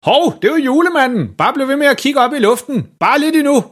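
A man's voice: fairly high pitch, big pitch swings, slightly rough, pitched above the performer's own voice. A man doing a scheming boastful dad. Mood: shouting.

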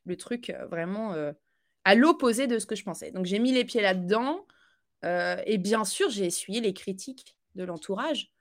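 A woman speaking as a podcast guest in a loose, conversational way. She hesitates often, fills pauses and restarts her sentences. She laughs easily as she talks about her life. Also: medium pitch, animated. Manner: chatty, halting, with many fillers and restarts. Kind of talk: casual conversational interview.

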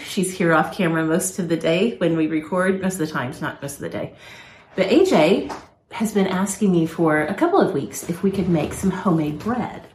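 A deep-voiced woman co-hosts a podcast, sharing home stories in a casual chat, poking fun at herself and laughing easily. The room is echoey, with slight background noise.

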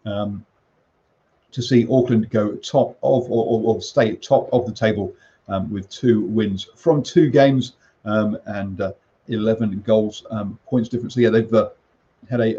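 A man presenting a morning sports briefing in a halting, hesitant way full of ums. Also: on the low side, dark tone, highs cut off. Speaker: sports show host. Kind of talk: morning sports news briefing, loosely scripted. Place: makeshift home studio under a roof in rain.

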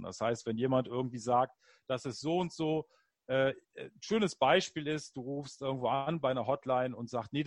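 A man in casual conversation, telling personal stories in an animated, upbeat way. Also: medium pitch, no echo, studio quality.

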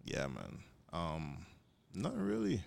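A man with a Toronto accent chatting casually in slang on a podcast, a bit halting, often saying bro. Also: low voice, wildly swooping pitch, vocal fry. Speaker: podcast co-host.

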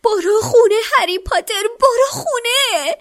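Dobby, a woman doing a squeaky wailing house-elf. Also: expressive, a bit bright. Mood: pleading tearful. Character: small wretched male house-elf, tearful and frantic. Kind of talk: dramatic book reading.

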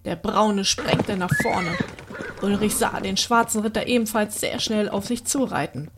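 A woman reading a children's bedtime story aloud in a gentle, expressive way. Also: mid-range voice, measured pace, background noise.

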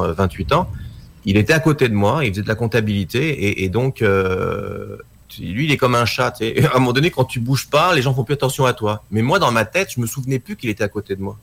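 A man's voice: lowish voice, gravelly. A middle-aged man, a guest documentary maker, telling a story casually and acting out the voices of the people in it. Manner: animated storytelling, acts out quoted dialogue.

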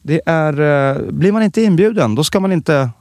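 A man co-hosting a podcast, chatting casually and telling stories with animated delivery. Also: dry recording. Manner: animated storytelling, lively pitch. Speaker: podcast co-host. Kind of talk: casual chat.

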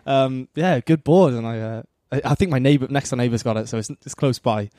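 A man's voice: medium pitch, brisk, dark tone, no room sound, studio quality. A man in his early twenties from South Wales with a Cardiff accent, chatting casually. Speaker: podcast guest, competitive surfer. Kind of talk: casual chat.

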